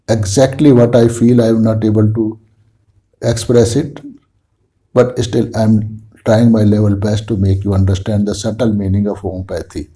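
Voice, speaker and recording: A man who teaches homeopathy gives an earnest lecture to the camera, speaking English with an Indian accent as a native Hindi speaker. His lowish, dark-toned voice comes out slowly and haltingly, with frequent restarts.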